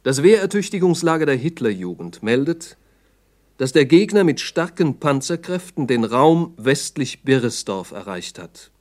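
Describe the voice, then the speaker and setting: In the sober, factual manner of a 1960s official report, a man with a medium-pitched voice narrates a scripted, documentary-style radio drama. He moves at a moderate pace with big pitch swings.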